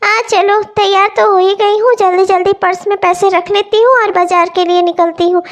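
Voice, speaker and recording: A woman voices a young, cheerful cartoon housewife, a newlywed who loves festival shopping. Her extremely high, thin voice holds a steady tone at a slightly fast pace, eager when she chatters and pleading when she sobs. It is cartoon voice acting, and her delivery here is sobbing and pleading.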